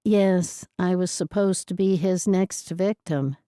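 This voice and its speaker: A quietly brave young woman, as a woman narrator plays her in a storybook, plain and reassuring. Her voice is low, slow and mellow, recorded dry and close. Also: no room sound. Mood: shaken.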